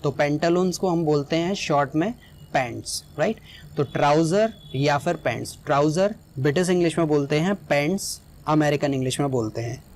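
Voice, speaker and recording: Man explaining a lesson, fairly high voice. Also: brisk, a little mellow. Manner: explanatory, often checks in with "right?". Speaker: teacher.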